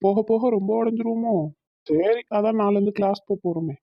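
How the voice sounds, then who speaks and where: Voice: medium pitch, a little fast, dry recording, natural voice. A performer voicing a young male student in a cartoon, musing that he misses home. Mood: homesick. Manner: musing, a little homesick. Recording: dull lo-fi sound.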